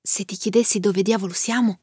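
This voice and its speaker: A woman's voice: medium pitch, steady tone, fairly quick, darkish tone, breathy edge, no room sound, studio quality. A woman voicing a bewildered, weary man who speaks faintly and ruefully in a storybook reading. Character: bewildered ordinary Englishman, wry and weary.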